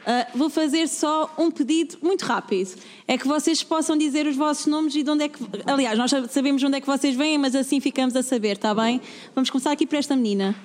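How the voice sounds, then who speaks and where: A high-pitched woman in her thirties with a European Portuguese accent runs a parliamentary committee session, friendly and practical with plenty of fillers. Her voice carries a long reverb, as in a large chamber. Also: brisk. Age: 30s. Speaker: committee chair, young MP. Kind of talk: chairing a formal session.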